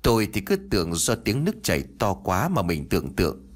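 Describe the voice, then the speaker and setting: Husky male ghost story narrator. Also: sits low, huge pitch swings, brisk. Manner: dramatic, emotive reading.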